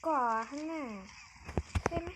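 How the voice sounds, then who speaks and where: A woman's voice: high voice, unhurried, a bit bright, a little hiss or hum, low-quality recording. A female game channel host talking through her play in casual, chatty commentary and exclaiming at what happens on screen.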